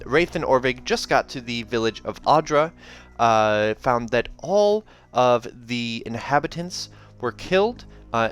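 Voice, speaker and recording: A man reads a fantasy novel aloud as host, breaking from the narration now and then for casual asides, while background music plays. His voice is medium in pitch and a bit bright.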